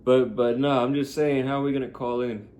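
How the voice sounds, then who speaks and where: A man's voice: mid-range voice, fairly even intonation, a little fast, darkish tone, a little hiss or hum. A man co-hosting a podcast, trading laid-back, profane banter in casual chat. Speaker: podcast co-host.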